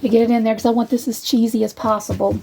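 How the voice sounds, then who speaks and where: A woman's voice: on the high side, flat delivery, fast talker, vocal fry, darkish tone, a little hiss or hum. A woman hosting a casual cooking video in her home kitchen, rambling in a chatty way and calling her viewers y'all. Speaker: home cook, channel host.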